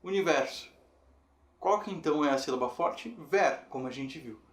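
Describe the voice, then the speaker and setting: A man with a slightly high voice gives a patient, explanatory video lesson. He slows down to spell out how each word is said. The room around him rings with a noticeable echo. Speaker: English teacher. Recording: roomy echo.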